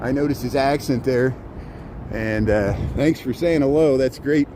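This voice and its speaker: A man chatting casually on a livestream outdoors, rambling and halting, often repeating his words. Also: mid-range voice, dark tone. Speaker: live streamer. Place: outdoors on a city riverwalk. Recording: outdoor livestream with clear city noise.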